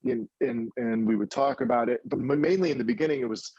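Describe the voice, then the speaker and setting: A man in his thirties, an indie film producer telling stories in a casual interview, animated and rambling with many restarts. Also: medium pitch, fast, no echo, dull audio.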